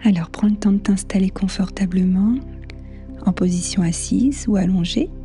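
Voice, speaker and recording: A woman leading a guided meditation in a soft, half-whispered, soothing voice with long pauses. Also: medium pitch. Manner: slow, hushed, soothing delivery with long pauses. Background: new-age music.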